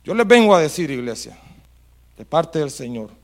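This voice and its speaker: A male preacher giving a language sermon. He tells a story softly, then builds to loud, repeated calls to the congregation. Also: on the high side, big pitch swings, moderate pace. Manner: rises to loud repeated exhortations, then drops to soft storytelling.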